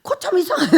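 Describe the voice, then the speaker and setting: A woman pastor preaching a Sunday sermon at a prayer retreat, laughing often and asking the congregation questions as she goes. She jumps from loud exclamations down to low, quiet murmurs. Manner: animated preaching with frequent laughter and rhetorical questions.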